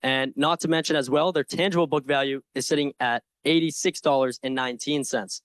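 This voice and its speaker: A young man confidently and earnestly giving a prepared investment pitch with slides, with some informal asides. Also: fairly even intonation, a little fast, dry recording. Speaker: presenter in a stock pitch competition.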